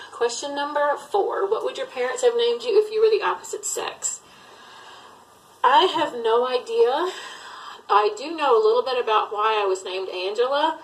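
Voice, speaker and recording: Chatting loosely for a tag video, this thrift reseller vlogger, a middle-aged woman raised in Alabama, rambles and leans on many fillers. She speaks at a fairly high pitch, and the low-quality recording carries slight background noise.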